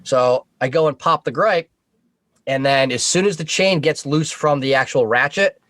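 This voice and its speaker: Heard in clean studio sound with no echo, an American podcast guest who served in the Coast Guard casually recounts stories, cursing and joking throughout. His voice sits on the high side, is a bit bright, and moves at a moderate pace.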